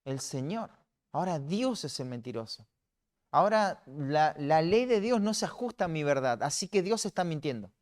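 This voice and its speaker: A man's voice: on the high side, big pitch swings, normal speed, darkish tone. Earnest Rioplatense man teaching Bible class. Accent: Rioplatense Spanish. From Argentina. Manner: earnest, frequent restarts and repeated words.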